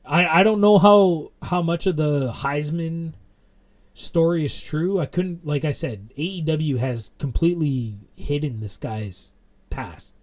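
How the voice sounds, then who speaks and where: A young man co-hosting a podcast, rambling through a casual wrestling recap with lots of fillers. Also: on the high side. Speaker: podcast co-host.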